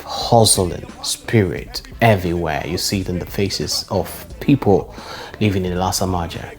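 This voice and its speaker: A Nigerian man in his forties speaks in a very low voice, looking back fondly on where he grew up and reeling off names and shout-outs. Faint music plays behind him in this personal vlog. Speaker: vlogger.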